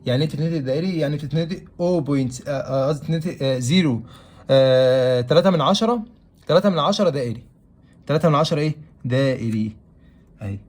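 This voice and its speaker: An Egyptian math teacher talks through a lesson at a breakneck pace. His voice sits a little high, and he keeps firing questions at the students before answering them himself. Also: rapid-fire, darkish tone. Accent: Egyptian Arabic. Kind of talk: classroom-style math lesson.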